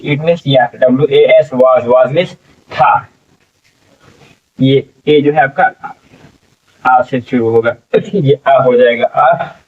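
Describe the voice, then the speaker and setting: A man's voice: mid-range voice, recorded from a distance. A man teaching English reading in Hindi, spelling words letter by letter and repeating them as he asks the class what they become. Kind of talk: slow spelling lesson. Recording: tinny phone-like sound from off mic.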